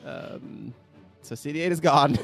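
A man playing a tabletop game, excitable and quick to exclaim and laugh. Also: a little high, vocal fry, faint music behind. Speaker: player.

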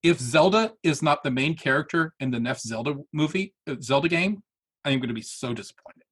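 A man's voice: a little high, brisk, slightly rough. A man co-hosting a casual podcast, arguing animatedly about movies. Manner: argumentative, animated. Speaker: podcast co-host. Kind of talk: casual chat.

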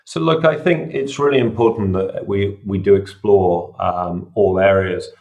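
A man's voice: lowish voice, measured pace, darkish tone, lo-fi sound. A middle-aged man, a surgeon talking on a podcast and explaining things patiently with everyday examples. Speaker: surgeon guest. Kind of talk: casual podcast interview.

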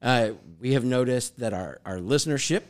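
A man's voice: medium pitch, lively intonation, moderate pace, clear, resonant tone. A man co-hosting a sports podcast, joking around and reading out viewer comments. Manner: upbeat, jokey, reads out viewer comments. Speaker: podcast co-host. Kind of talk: casual sports podcast chat.

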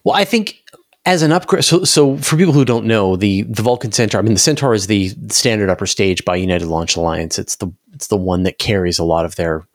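Talking fairly quickly in a lowish voice, this interview guest and space news commentator goes into long, conversational explanations and restarts phrases while thinking aloud. The audio is dry and studio quality.

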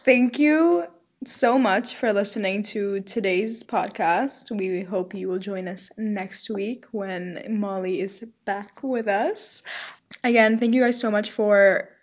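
A young woman hosts a casual podcast interview, warm and effusive and full of fillers. She has a mid-range voice and takes her time, while the audio has its highs cut off.

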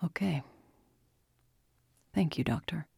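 Subdued man patient, quiet and low, read by a woman. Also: moderate pace, husky, no room sound, clean studio sound. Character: older man patient, shaken and small-voiced.

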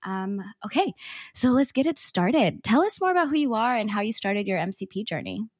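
A woman's voice: on the high side, lively intonation, moderate pace, a little mellow, slightly rough, no echo, studio quality. A woman hosting a podcast in a casual interview chat, bubbly and laughing often, slightly out of breath. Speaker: podcast host.

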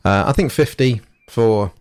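A man with a fairly low voice chats casually as a podcast co-host. He rambles and restarts his sentences as he thinks aloud. The sound is dry and close, with almost no room echo. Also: a little slow, darkish tone. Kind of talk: casual hobby podcast chat.

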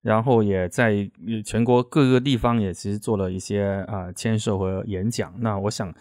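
Chaoshan guy w/ teochew accent, native teochew, lowish voice, close dry sound, casual podcast host. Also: steady tone, normal speed, a little mellow, no room sound. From Chaoshan, southern China. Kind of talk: casual interview chat.

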